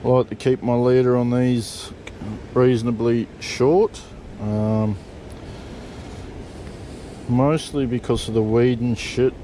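A man's voice: mid-range voice, steady tone, slow, warm tone, a little hiss or hum. A middle-aged Australian man chatting casually while rigging fishing gear at the back of a parked vehicle, swearing in an easygoing way, recorded on a body camera. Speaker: fishing vlogger. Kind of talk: casual how-to chat. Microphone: point-of-view body camera.

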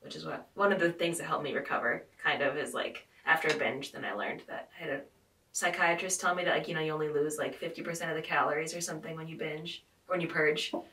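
Bright-voiced woman hosting a podcast. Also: low-pitched, steady tone, fast talker, slight background noise. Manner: rambling, filler-heavy, frequent "like". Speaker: podcast host. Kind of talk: casual podcast chat. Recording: roomy, distant mic.

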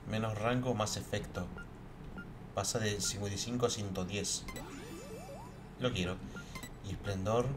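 Quiet muttering man playing a game. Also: lowish voice, fairly even intonation, unhurried, pauses often, distant mic, over music. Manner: muttering to himself while playing. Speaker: gameplay streamer. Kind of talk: let's play commentary.

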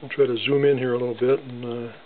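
A man talks through a welding job at his workshop bench, casual and halting, stopping often to fill gaps and restart his sentences. The sound is tinny and narrow, like a phone line, with a faint hiss behind him. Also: medium pitch, little pitch movement. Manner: halting, many fillers and restarts. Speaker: gunsmith demonstrating welding.

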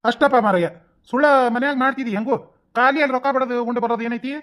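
A man's voice: high voice, fairly quick, lightly acted. A man voicing a worried, stubborn young husband in a cartoon with a North Karnataka accent. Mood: grumbling. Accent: North Karnataka Kannada. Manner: grumbling, stubborn.

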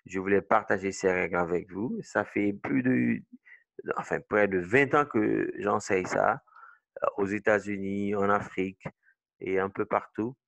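Middle-aged guy teaching english rules, low gravelly voice, keeps asking "ok?". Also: measured pace, a bit bright. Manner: checks in often with "okay" and "all right". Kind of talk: explaining pronunciation rules, switching between English and French.

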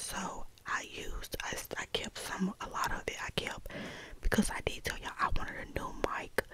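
An American woman whispers a casual ASMR vlog in a soft, breathy voice right in the ear, chatting unhurriedly close to the mic. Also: rough recording. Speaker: vlogger. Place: bedroom, indoors. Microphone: small desktop condenser mic held close.

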